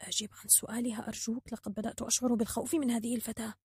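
A woman voicing a timid old male sage who speaks in a hushed, fearful way and likes to tease. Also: fairly high pitch, lively intonation, quick pace, gravelly, no echo, clean studio sound. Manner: hushed and fearful, given to teasing.

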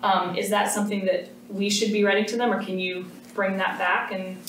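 A woman's voice: mid-range voice, level tone, brisk, slight background noise. Hesitant board member woman, distant echo. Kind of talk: meeting discussion. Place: school classroom, mid-size, indoors. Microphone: far room camera. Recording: echoey classroom heard from afar.

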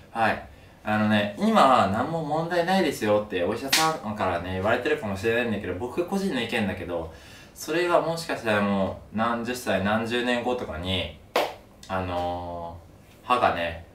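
A young adult video creator tells a story to camera in a casual, animated way from a small room at home, his mouth sore two days after having his wisdom teeth removed. His voice is lowish, and the camera sits a few steps away, giving a roomy, distant sound with some noise.

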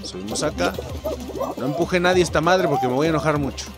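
A young Mexican man giving loud, profane, excited commentary over his own gameplay, often yelping and laughing. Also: a little high, quick pace. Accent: Mexican Spanish. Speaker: gaming YouTuber. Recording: game music behind.

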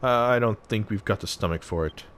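A man's voice: fairly low pitch, brisk, fairly bright tone, a little hiss or hum, voice pushed up, lightly acted. A man reading the lines of a timid, cowardly male villager from a video game, stammering and pleading. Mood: fearful.

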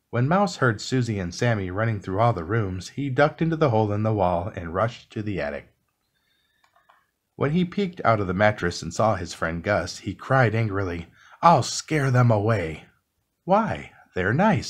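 A man reading a children's book aloud as calm bedtime narration, soft and unhurried. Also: fairly low pitch. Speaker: storybook reader.

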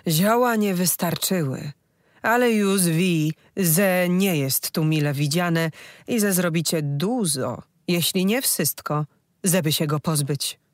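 The audiobook reader voicing an old village healer woman who talks calmly in a rustic dialect. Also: medium pitch, slow pace, dry recording, studio quality, close to an everyday voice. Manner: calm, knowing, rustic dialect.

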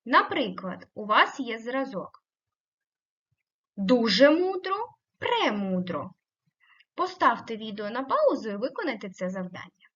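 A woman teacher giving a primary school grammar lesson, slowly questioning the children and confirming their answers. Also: on the high side, very animated, sharp tone, lo-fi sound. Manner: slow, deliberate, questioning children and affirming answers.

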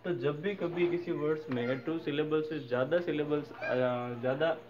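A man's voice: a little high, normal speed. A man teaching English grammar, spelling out word endings and often checking that his viewers follow. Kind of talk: explaining grammar lesson. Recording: slightly dull recording with faint noise.

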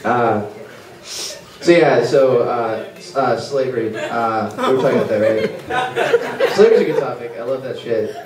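A man's voice: medium pitch, lively intonation, a little slow, a crowd in the background. A man doing a rambling, awkward, self-deprecating stand-up set on a comedy club stage. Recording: echoey club room, mic far off, loud hiss.

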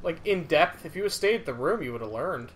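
A man's voice: a little high, animated, brisk, fairly bright tone, slight background noise. A young man hosting a horror game playthrough, casually commenting, reading notes aloud and getting snarky and exasperated. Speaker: host playing a horror game.

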